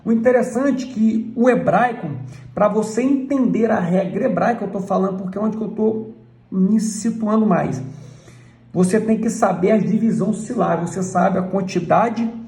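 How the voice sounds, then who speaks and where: A church elder with a Brazilian Portuguese accent teaches from a book, pausing often to point things out. His voice sits fairly high but sounds mellow and gravelly. The recording carries a noticeable room echo. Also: soft background music. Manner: points things out with frequent "look" asides. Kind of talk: explaining a book page by page.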